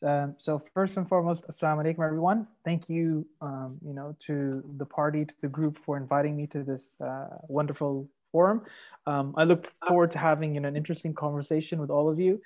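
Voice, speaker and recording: A man from Kuwait giving a conversational guest lecture over a video call, explaining in a relaxed way and dropping in Arabic phrases. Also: a little high, a little fast, highs cut off. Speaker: guest lecturer, assistant professor.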